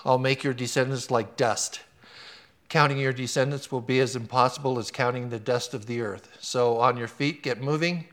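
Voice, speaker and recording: A man gives a sermon in a relaxed, conversational way. He tells an anecdote with animation, then moves into reading a scripture passage. His voice sits at an ordinary middle pitch for a man. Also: normal speed. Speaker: pastor.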